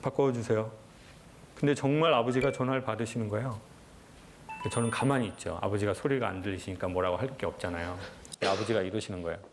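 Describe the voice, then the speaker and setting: A man lecturing in an earnest, reflective way, telling a personal story in short, measured phrases. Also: fairly low pitch, slight background noise. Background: background music.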